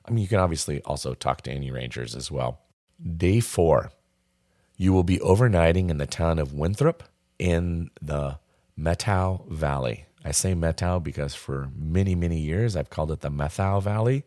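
A man's voice: extremely low pitch, normal speed, warm tone, no room sound, studio quality. A man casually walking through a camping trip itinerary, giving friendly, practical tips with the odd filler. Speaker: travel and camping guide. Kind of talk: casual travel itinerary talk.

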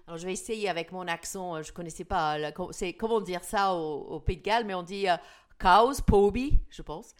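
Female host, mid-pitched, chatty and explanatory, casual cooking talk. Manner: chatty, explanatory, frequent fillers.

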